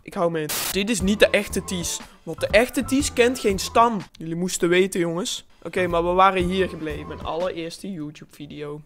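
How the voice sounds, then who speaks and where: A man's voice: sits high, normal speed, hardly any pauses. Male teen YouTuber, 16, casual and exclamatory, sweary reaction-vlog delivery, close mic over music. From Limburg, Netherlands. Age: 16, teenager. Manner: animated, exclamatory, swears often. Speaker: YouTuber, host. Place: small bedroom studio, indoors. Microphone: desk condenser mic, close.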